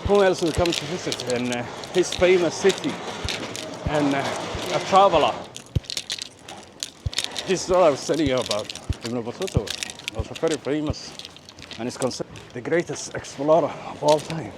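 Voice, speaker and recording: Out in a city, a travel vlogger from Birmingham, UK, talks and narrates in a relaxed, hesitant way, repeating himself often. His voice sits on the high side, and his moderate pace is broken by long pauses. Behind him are background noise, a busy street and the chatter of a cafe.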